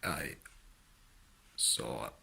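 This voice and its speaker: A young man from Spain with an American accent, earnestly recounting dreams and exhorting listeners, halting at times before rising into fervent blessings. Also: pushed and bright. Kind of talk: personal testimony and exhortation.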